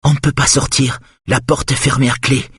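A man's voice: mid-range voice, flat delivery, moderate pace, a bit bright, husky, no echo, clean studio sound, voice pushed up. Man doing a terrified young woman. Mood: frightened whisper. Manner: urgent whispers and frantic cries.

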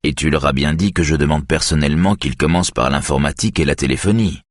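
A man reading an audiobook, voicing a brash, impatient middle-aged police chief with a mocking edge and a husky voice. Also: extremely low pitch, fast, dry recording, clean studio sound.

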